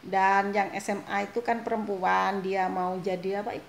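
A woman's voice: medium pitch, flat delivery, normal speed, gravelly, crowd noise. A woman from Indonesia, chatting casually to her viewers in a vlog and laughing often. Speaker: vlogger. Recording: echoey room, faint noise.

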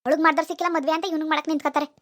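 An actor voices an enraged village father in a cartoon, hurling threats and curses. The voice is oddly high and fast for a father. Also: flat delivery. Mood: threatening. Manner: shouting threats and insults. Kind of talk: animated village drama.

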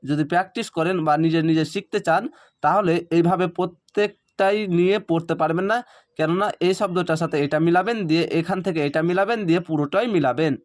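A man, teaching Quran reading by spelling out each syllable slowly and then explaining in quick everyday asides. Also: a little high. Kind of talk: spelling-out recitation lesson.

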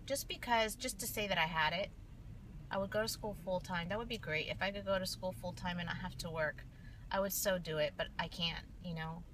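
A woman's voice: fairly low pitch, brisk. A woman in her late thirties, a nurse, chatting and venting to viewers in a rambling, casual way from inside a car. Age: late 30s. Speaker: vlogger, nurse. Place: inside a parked car, daytime. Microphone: phone camera at arm's length. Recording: car interior with vehicle noise.

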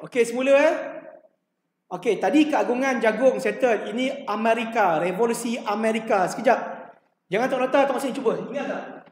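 A man's voice: very high voice, brisk. An older man with a Malaysian Malay accent teaching a history class, chatty and repetitive, quizzing his students with memory tricks. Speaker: history tutor. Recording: echoey classroom, long reverb.

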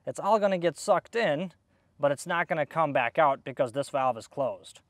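A young man, an HVAC technician, narrates a step-by-step, hands-on tutorial while servicing an outdoor air conditioner. His voice runs high with lively intonation at a normal speed, and there's no room sound.

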